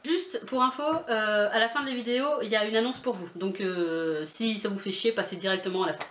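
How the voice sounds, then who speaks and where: A woman's voice: mid-range voice, fairly quick, fairly bright tone. A young woman hosting a casual book chat at home, giggly and chatty with casual swearing. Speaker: booktuber host. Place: home room. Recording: echoey room, faint noise.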